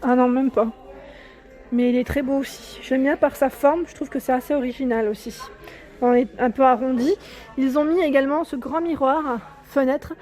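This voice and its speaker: A woman's voice: high-pitched, fairly even intonation, moderate pace, dark tone. A woman with a southern French accent chatting enthusiastically through a furniture store walkthrough vlog, full of fillers, filmed indoors on a handheld phone. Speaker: home decor vlogger.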